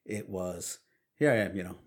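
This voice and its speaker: A man's voice: deep voice, normal speed. A man with a Brooklyn accent, a native Spanish speaker, bantering emphatically as a co-host in casual chat. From Brooklyn, New York.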